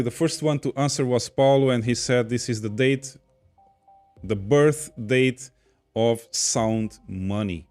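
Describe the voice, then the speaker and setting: This man from Portugal, with a Portuguese accent, hosts a laid-back livestream and reads viewers' comments aloud like a podcast host reading chat. He's talkative and laughs readily, in a lowish voice with a darkish tone.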